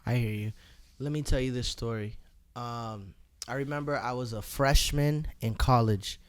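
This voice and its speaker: A man co-hosting a podcast who talks in a relaxed, measured way as he tells a personal story. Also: medium pitch, clear, resonant tone, no room sound. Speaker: podcast co-host. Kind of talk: casual podcast chat and storytelling.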